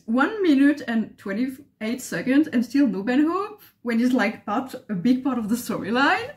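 Speaking at a moderate pace in a high, sing-song voice, a young woman who isn't a native English speaker reacts to a trailer with excited commentary, gushing and swearing. She's at a desk in her living room with bookshelves, wearing headphones and recording through a webcam.

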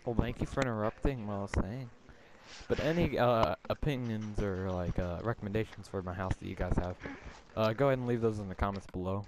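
A man's voice: lowish voice, fairly quick. Rambling, jokey man over noisy audio. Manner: rambling and jokey, full of fillers and restarts. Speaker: channel host playing with friends. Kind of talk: casual gaming chat. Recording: noisy recording.

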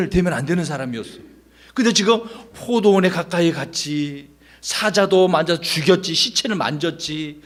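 A middle-aged male pastor giving a children's Sunday school sermon, telling the story with lively questions to the kids. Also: high-pitched, slightly rough. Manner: animated storytelling, quizzing children.

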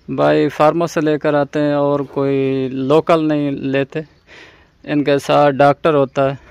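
A man's voice: fairly high pitch, creaky, smooth, no echo. A Pakistani man presenting cattle for sale to viewers in a persuasive, sales-like manner. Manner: persuasive, addresses viewers as friends. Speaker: livestock channel presenter. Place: outdoors at a farm.

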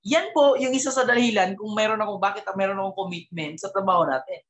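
Animated man giving a motivational talk. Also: high-pitched, fast. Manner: animated, keeps asking the audience rhetorical tag questions; mixes English words into his talk. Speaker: speaker at a business team gathering.

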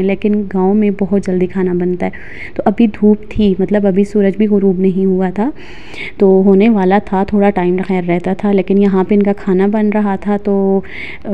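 Walking through a mountain village, a woman from Pakistan in her thirties narrates a casual vlog, chatty and nostalgic and full of fillers. Recorded on a phone held at arm's length, her mid-range voice comes through dull.

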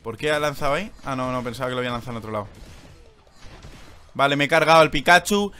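Excitable young Spanish gamer, bright voice. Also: male voice, mid-range voice, fast, soft background music. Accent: Spain Spanish. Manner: excitable, swinging from loud outbursts to mutters. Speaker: streamer. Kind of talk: live gameplay commentary.

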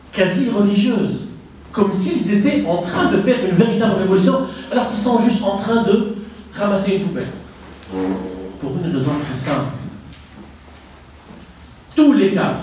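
A middle-aged Tunisian man with a fairly high, mellow voice gives an emphatic conference talk into a handheld mic, posing rhetorical questions to the audience. His lecture, full of anecdotes, is recorded from far off in an echoey indoor conference room, with a slight hiss or hum.

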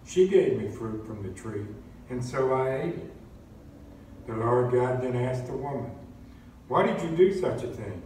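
Lector, male, mid-pitched, measured formal reading; cathedral echo, heard from across the church. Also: animated, a little mellow. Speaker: lector and cantor. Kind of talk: liturgical reading and chanted psalm. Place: large church. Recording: echoey church, distant mic, faint noise.

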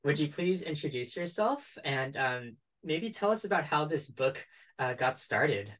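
A man's voice: fairly high pitch, big pitch swings, a little slow, fairly bright tone. A man in his thirties hosts an interview through a headset on a video call. He sounds friendly and encouraging, stumbling into small restarts as he frames his questions. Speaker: interview host.

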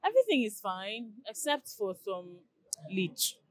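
A woman's voice: mid-range voice, very animated, a little slow, no echo. A young woman, playing a defiant student who brushes others off with cool sarcasm. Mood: dismissive.

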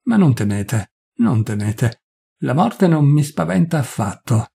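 A dying young noblewoman pleads in a breathless, fevered voice, as a male reader puts her on. His tone stays dark and a little husky. She begs with urgent, clinging intensity. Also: mid-range voice, very animated, unhurried, heavily acted. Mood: tender.

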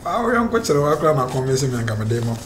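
A man playing an animated Ghanaian man. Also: medium pitch, very fast, a little hiss or hum, close to an everyday voice. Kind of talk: comedy drama acting.

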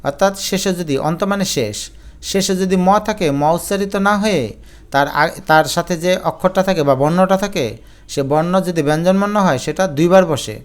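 A man teaches grammar for an exam, his voice pitched a little high and resonant. He walks through each rule patiently and repeats the examples. He keeps turning to his students to address them directly. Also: fairly quick, clean tone. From Bangladesh. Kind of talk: exam-prep grammar lesson.

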